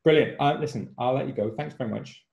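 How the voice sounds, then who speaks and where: Guy from cumbria hosting a chat on a video call, rambly, lots of uhs, bit of creak, echoey room. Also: medium pitch, fast, darkish tone, lo-fi sound. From Cumbria, England. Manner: friendly, rambling, many fillers and restarts. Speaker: magazine editor and interviewer. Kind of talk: casual interview chat.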